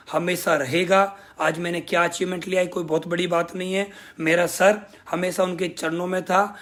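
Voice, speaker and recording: A young network marketing team leader gives his sales team an emphatic motivational speech, thanking them again and again. His male voice is high and fairly bright, and he repeats phrases for effect in a grateful, forceful manner.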